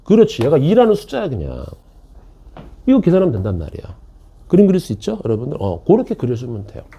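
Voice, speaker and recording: A man teaching math to a classroom of students, his voice slightly raised and dark, mellow in tone. He talks with wide, animated swings in pitch and a husky edge. He is chatty and joking, often pausing to check that everyone follows. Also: highs cut off. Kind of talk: classroom lecture.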